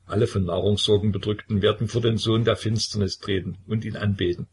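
A grim old zealot pronounces in a solemn, preaching tone, as a man reading the story gives him voice. The voice sits low and husky, without theatrical disguise. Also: fairly even intonation, fairly quick, heavily acted. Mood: solemn, stern. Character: stern old male religious zealot.

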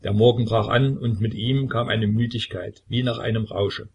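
A man narrating a literary novel in a measured, grave reading. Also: on the low side, steady tone, gravelly, slightly rough. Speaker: audiobook narrator.

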